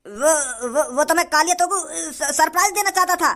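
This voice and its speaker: A scheming male village election candidate from a cartoon, persuasive one moment and stammering the next, voiced by a woman. The voice is very high. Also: moderate pace, sharp tone. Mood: nervous. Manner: stammering when cornered, persuasive with crowds. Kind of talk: cartoon voice acting.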